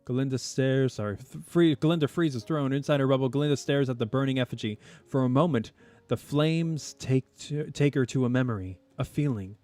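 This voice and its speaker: Animated man reading a screenplay. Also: medium pitch, normal speed, faint music behind. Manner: animated, chatty asides. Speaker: screenplay reader and commentator. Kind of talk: reading a screenplay aloud with commentary.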